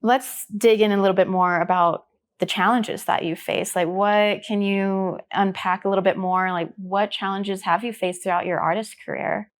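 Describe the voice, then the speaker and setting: A woman hosts an interview podcast with a voice of middling pitch. She asks her guest gentle, encouraging questions. Her tone stays soft and attentive. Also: steady tone, moderate pace. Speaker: podcast host.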